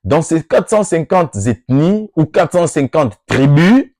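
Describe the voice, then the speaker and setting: A Congolese NGO speaker from the Democratic Republic of the Congo, native in Lingala or Swahili, addresses workers in accented French with oratorical flair and emphatic rising peaks. His voice is on the high side and darkish, sing-song and slow. It is a dry, studio-quality recording.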